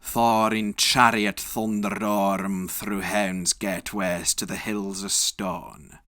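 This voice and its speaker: A man solemnly and dramatically reciting epic verse in a reconstructed Elizabethan English accent, with measured, declamatory delivery. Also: on the low side, little pitch movement, pushed and bright, clean tone, no room sound, studio quality. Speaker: poetry reciter.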